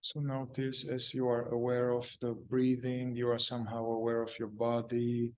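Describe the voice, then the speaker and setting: A guided meditation is led by a man of medium pitch, who talks calmly in brief, hesitant phrases with long silences in between.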